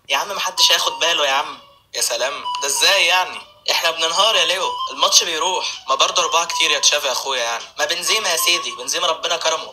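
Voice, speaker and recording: Rapid-fire Egyptian man joking over music. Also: fairly high pitch, poor audio. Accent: Egyptian Arabic. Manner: rapid joking banter, switching between characters. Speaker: comedy sketch performer. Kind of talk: comic sketch with many voices.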